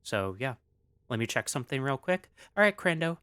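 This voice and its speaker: A man's voice: mid-range voice, sing-song, a little fast, fairly bright tone, clean tone, no room sound. A man streaming casually, rambling with many fillers as he reads chat aloud, still coughing after an illness.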